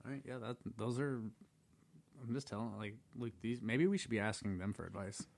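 A young man co-hosting a casual podcast, making jokes in quick banter. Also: medium pitch, creaky. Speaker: podcast co-host. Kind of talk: casual chat.

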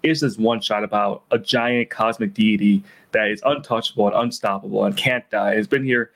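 A man co-hosting a podcast in casual chat, enthusiastic with quick reactions. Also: on the low side, fairly even intonation, gravelly, a bit bright. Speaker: podcast co-host.

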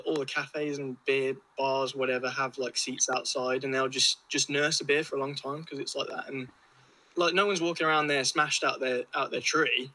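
Male, English accent, very sharp bright tone, chatty rambling storyteller for casual podcast talk. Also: a little high, poor audio. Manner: rambling, chatty, British slang. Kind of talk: casual chat, telling travel anecdotes.

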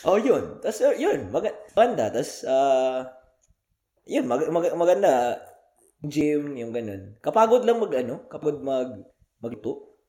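A man with a Filipino accent hosts a relaxed podcast chat. His pitch swings widely as he tells animated stories, and he breaks into laughter often. The talk is loose banter among friends. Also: measured pace. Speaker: podcast host. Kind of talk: casual banter.

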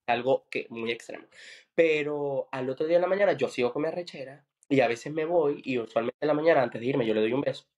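A Venezuelan man co-hosting a casual podcast, telling animated stories about his partner and acting out their exchanges. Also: medium pitch, fast, lo-fi sound. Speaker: podcast co-host. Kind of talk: casual chat among friends.

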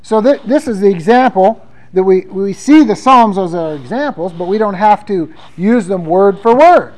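A man with a high-pitched voice preaches a sermon. He talks conversationally and reads psalms aloud with strong emphasis. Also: lively intonation, moderate pace, low-quality recording. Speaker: pastor.

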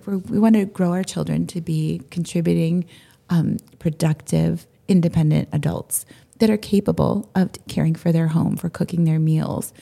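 A woman in her forties with a low, gravelly, husky voice, talking in a relaxed, chatty way. She laughs often and pokes fun at herself as she talks. Her tone is mellow and dark. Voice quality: raspy. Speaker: podcast co-host. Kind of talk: casual chat.

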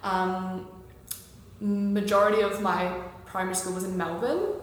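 A woman's voice: medium pitch, little pitch movement, unhurried. A young woman with a New Zealand accent, chatting casually as a podcast guest, with plenty of ums and likes. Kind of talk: casual conversational interview. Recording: echoey room with long reverb and faint hiss.

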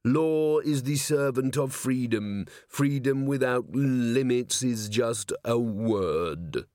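Close to his everyday voice, a man of medium pitch and slightly mellow tone gives an audiobook voice to a huge male golem. The character is solemn and literal-minded, using formal, ponderous, deliberate phrasing, with studio quality and no echo.

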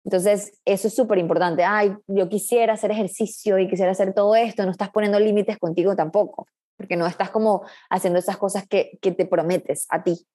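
A woman's voice: medium pitch, steady tone, a little fast, dark tone. A woman coach, a guest in a casual interview, talking in an earnest, reflective way with frequent restarts.

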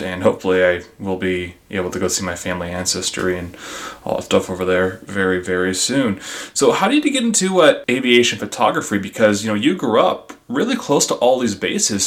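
A man's voice: on the low side, a bit bright. A man hosting a podcast in an informal, conversational way, speaking to his listeners and guest. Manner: informal, addresses listeners as guys. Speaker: podcast host.

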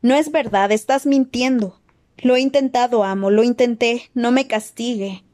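Shrill frantic dark witch voiced by a woman. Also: normal speed, lightly acted. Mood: furious. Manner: shrieking, pleading.

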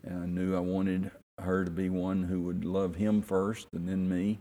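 A man, reminiscing earnestly in an interview, pausing and repeating himself. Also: low-pitched, monotone, warm tone, slight background noise. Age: 70s. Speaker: interviewee, minister.

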